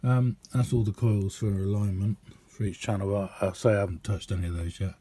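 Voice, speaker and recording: This male radio enthusiast rambles through a hands-on demo, relaxed, talkative, and a little unsure of himself. He speaks with a fairly low, warm voice and mostly even intonation.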